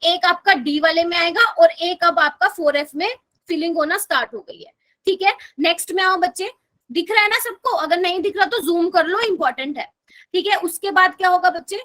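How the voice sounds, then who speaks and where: A woman with a high voice teaches a chemistry lesson online. She speaks with a Hindi accent. She walks through each step and keeps asking her students whether they are following. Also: a little fast, fairly bright tone. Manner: explains step by step, asks students to confirm with "okay?". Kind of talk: online class lecture.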